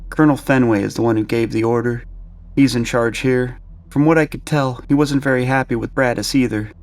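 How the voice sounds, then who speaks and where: A man voicing a brisk, sharp-tongued female military doctor in a storybook narration. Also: mid-range voice, steady tone, pitched above the performer's own voice, close to an everyday voice. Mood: disdainful. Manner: scolding, blunt.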